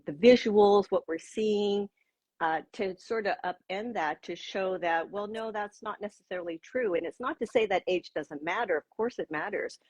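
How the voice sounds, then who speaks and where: A woman's voice: mid-range voice, a little mellow, no room sound. A woman in her sixties talking casually as an interview guest on a video call, chatty and loose with fillers. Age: 60s. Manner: chatty, with frequent fillers and laughs. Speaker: guest, pro-age blogger.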